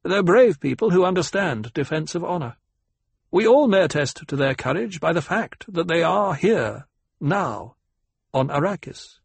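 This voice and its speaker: A man voicing a calm, quietly formidable ecologist in an audiobook, speaking in a measured, lecturing and assured manner. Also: on the high side, vocal fry, husky, no room sound, voice pushed up, heavily acted. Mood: courteous, assured.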